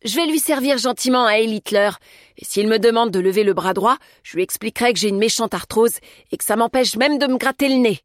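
A woman's voice: fairly high pitch, dry recording, clean studio sound, pitched above the performer's own voice, natural voice. A woman doing a cheeky, chatty housemaid. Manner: brisk, cheeky. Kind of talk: audiobook character voice.

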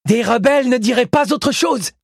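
A man's voice: very high voice, normal speed, creaky, husky, dry recording, clean studio sound, voice pushed up, heavily acted. A man voicing a young raider with a lilting, sing-song way of speaking in an audiobook. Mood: mocking. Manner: sing-song, mocking retorts. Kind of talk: audiobook character voice.

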